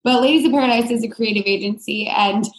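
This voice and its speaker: A woman's voice: fairly high pitch, quick pace, echoey room, slight background noise, low-quality recording. A woman creative director chatting as a podcast guest in a bubbly way, saying "like" often. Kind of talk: casual interview chat.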